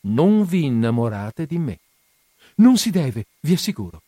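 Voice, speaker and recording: A man's voice: a little high, sing-song, unhurried, dark tone, breathy edge, no echo, exaggerated voice. A man voicing an earnest, guarded young woman in an audiobook reading, speaking in a pleading, candid way.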